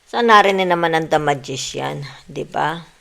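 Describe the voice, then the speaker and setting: A woman's voice: low-pitched, normal speed, vocal fry, a bit bright, a little hiss or hum. A woman reading tarot cards for her viewers, mixing Tagalog and English, often asking "di ba" and telling listeners to relax. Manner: mixes Tagalog and English, repeats "di ba" and "yan" often; soothing, tells listeners to relax. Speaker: tarot reader.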